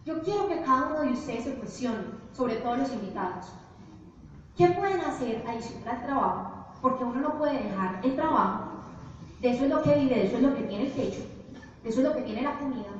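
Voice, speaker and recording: High-voiced woman in an echoey hall. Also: fairly quick, a little hiss or hum. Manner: animated storytelling to an audience. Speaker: business presenter. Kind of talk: motivational presentation. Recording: echoey hall, distant, dull.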